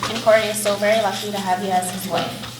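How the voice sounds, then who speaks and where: A woman's voice: medium pitch, flat delivery, fast. Young woman's wedding toast, very echoey. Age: young adult. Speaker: bride's older sister giving a wedding toast. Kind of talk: wedding toast, prepared speech. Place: large echoey indoor reception room, mic far away. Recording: very echoey, distant, noisy event hall.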